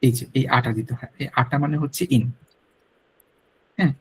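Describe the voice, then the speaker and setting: A man with a husky voice teaches a French class. He goes over each verb form slowly and patiently, repeating every drill. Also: mid-range voice, steady tone, poor audio. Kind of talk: classroom lecture.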